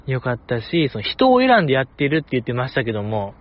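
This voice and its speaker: A man's voice: mid-range voice, huge pitch swings, fast, highs cut off. Kansai-accented man, chatty and teasing. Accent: Kansai Japanese. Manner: chatty, jokey, teasing asides. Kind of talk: casual solo radio talk.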